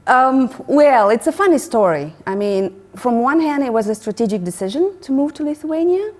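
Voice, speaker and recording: A Moldovan woman in her forties, speaking with a Moldovan accent, is a guest in a relaxed interview, telling stories. She's lively and laughs often, restarting her sentences a lot. Her voice sits high, and she talks at a moderate pace.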